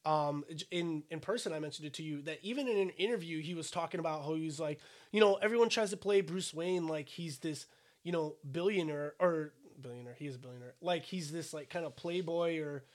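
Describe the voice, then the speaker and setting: Brief: high-pitched young male podcast co-host, opinionated, swears, casual banter. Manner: opinionated, swears freely, quick asides. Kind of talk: casual chat.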